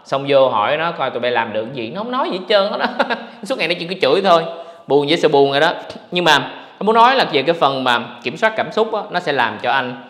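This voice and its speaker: A man hosting a casual livestream podcast, talking in an animated, ranting way to his viewers. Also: on the high side, fast. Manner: animated, ranting, mocks others in put-on voices. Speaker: podcast host. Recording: echoey room with long reverb.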